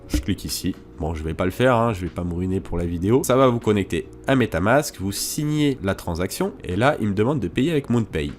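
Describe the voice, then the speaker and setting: A man's voice: on the low side, a little mellow, a little hiss or hum. A man hosting a crypto tutorial, talking casually through a screen walkthrough with hesitations and asides.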